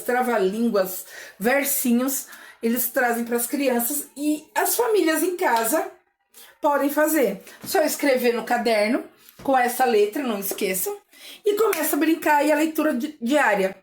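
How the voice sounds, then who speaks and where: A woman's voice: high voice, expressive, a little hiss or hum. Woman teacher chanting rhymes, echoey room. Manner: chants rhymes slowly, syllable by syllable. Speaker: literacy teacher. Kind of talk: teaching video for families.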